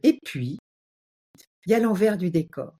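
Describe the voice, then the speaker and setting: Female guest with a low, mellow voice; passionate, emphatic and animated. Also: a little slow, slightly rough. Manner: animated, emphatic, uses vivid exaggeration. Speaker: guest health speaker. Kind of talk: passionate casual explanation.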